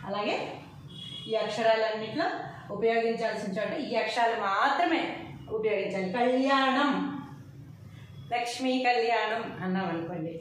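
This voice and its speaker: A woman teaching a lesson, reciting syllables slowly and explaining how to write them. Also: a little high. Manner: slow, drawn-out recitation of syllables. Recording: echoey room, faint noise.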